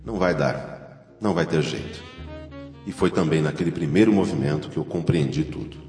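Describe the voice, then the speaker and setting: Casting: low-voiced male narrator, literary scripted reading, roomy reverb and faint music underneath. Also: normal speed, darkish tone.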